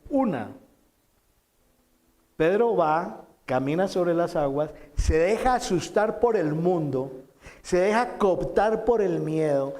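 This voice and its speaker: A man preaching a sermon as pastor, emphatic and repetitive, swinging between loud quoted lines and soft, low asides. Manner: emphatic preaching with repeated phrases and dramatic quotes.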